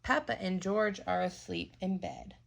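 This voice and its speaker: A woman reading a picture book aloud to young children in a slow, expressive way. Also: on the low side, gravelly. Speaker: storybook reader.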